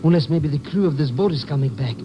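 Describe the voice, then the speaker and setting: An actor playing an excitable, folksy comic sidekick boatman in a jittery, colorful old-time radio style. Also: fairly high pitch, quick pace, muffled recording, lightly acted. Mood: chirpy, jokey. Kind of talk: 1940s-50s radio comic character acting. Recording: noisy old radio recording.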